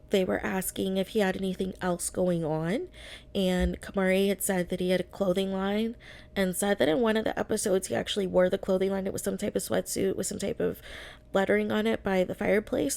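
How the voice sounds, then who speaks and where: A woman hosting a casual YouTube reaction recap, sounding slightly sick and pausing often on drawn-out ums as she talks to viewers. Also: medium pitch, fairly even intonation, creaky, a little mellow. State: slightly under the weather, getting over an illness.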